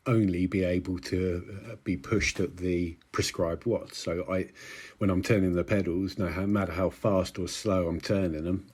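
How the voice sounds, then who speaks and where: A man in his forties giving casual, halting, dryly self-deprecating commentary while cycling hard on an indoor bike, talking through the exertion. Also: deep voice, darkish tone, slightly rough. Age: 40s. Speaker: cyclist vlogger.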